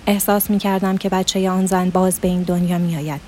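A woman reading a literary story aloud as narrator, in a steady, measured manner. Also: on the low side, slight background noise.

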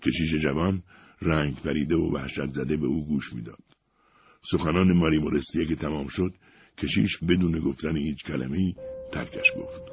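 A man narrating a story as a scripted audiobook reading, at a steady, even pace. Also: very deep voice.

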